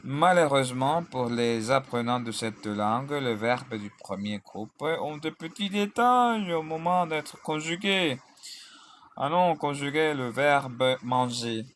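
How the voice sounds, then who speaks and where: Male teacher, unhurried and methodical, spells endings out, mid-pitched voice, faint room hum behind. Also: lively intonation, fairly bright tone. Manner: deliberate, spells out endings letter by letter; drills conjugations in lists. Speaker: language teacher. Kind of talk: French grammar lesson.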